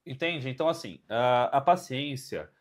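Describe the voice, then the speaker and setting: A Brazilian man with a tongue-tied lisp, teaching the Bible informally as a co-host, explaining haltingly and checking for agreement. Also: mid-range voice, lively intonation. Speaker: podcast co-host.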